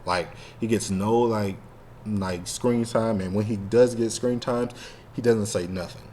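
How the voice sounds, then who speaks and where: Slightly slow and steady, this man's fairly low, dark voice comes through with a little hiss or hum. He co-hosts a casual fan podcast, meandering in slangy speech heavy on "like."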